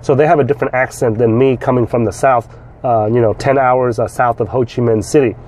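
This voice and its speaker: Sitting in a parked car outside, a trader and vlogger from South Vietnam in his forties speaks briskly in a mid-range voice, cursing often, waving his hands and restarting sentences with repeated words. A lapel mic and a phone or camera held at arm's length pick up faint traffic and street sounds.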